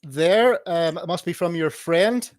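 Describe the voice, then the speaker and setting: A man's voice: on the high side, unhurried, dry recording, clean studio sound. A man hosting a casual podcast interview, chatty and encouraging, often repeating words while he finds them. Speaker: podcast host. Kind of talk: casual live-stream interview.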